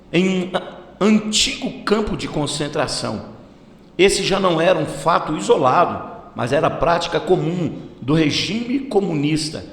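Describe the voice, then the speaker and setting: A Brazilian man reading a history script as a channel host, stumbling and restarting now and then. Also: a little high. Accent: Brazilian Portuguese. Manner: reads a script, with slips and restarts. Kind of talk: read-aloud history narration. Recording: echoey room with long reverb, faint hiss.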